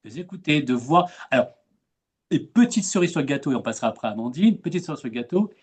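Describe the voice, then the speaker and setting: Talking fast in a mid-range, slightly rough voice, a French-accented webinar moderator and expat coach runs a video-call session. His style is conversational and hesitant, full of repeated words and lively emphasis.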